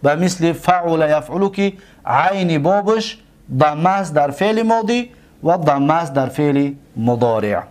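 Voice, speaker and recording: A man with a fairly high voice and a Tajik Persian accent delivers a recorded grammar lesson. He stretches each example word out slowly and keeps asking questions that he answers himself. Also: lively intonation, a little mellow. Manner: repeats and drawls example words slowly. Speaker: teacher of Arabic grammar.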